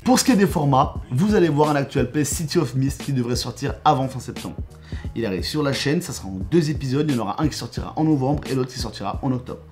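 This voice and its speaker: A man's voice: medium pitch, animated, fast talker, a little mellow, faint music behind. A man, a YouTube host and game master, giving a casual channel update with enthusiasm and frequent restarts.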